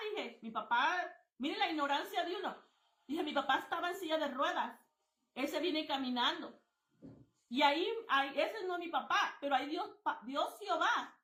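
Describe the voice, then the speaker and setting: A woman minister giving a personal testimony during a live-streamed Bible reading, earnest and animated, speaking to listeners as brother and often restarting her sentences. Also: sits high, echoey room.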